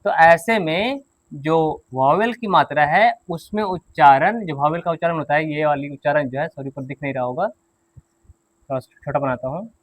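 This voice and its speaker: A man's voice: fairly high pitch, moderate pace, no echo. A man teaching an English grammar and pronunciation class, patiently repeating key points and quizzing his students.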